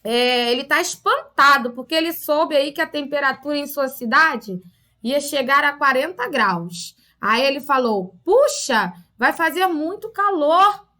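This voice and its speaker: Her voice is high and sharp, her pace moderate. The same Rio de Janeiro teacher, with her local accent, patiently walks children through a recorded online lesson, checking in often with brief tag questions.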